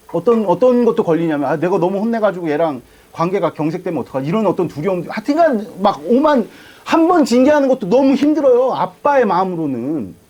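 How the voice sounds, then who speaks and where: A man's voice: very high-pitched, a little mellow, breathy edge, low-quality recording. A man preaching a sermon as pastor, asking the congregation questions and answering them. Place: church sanctuary.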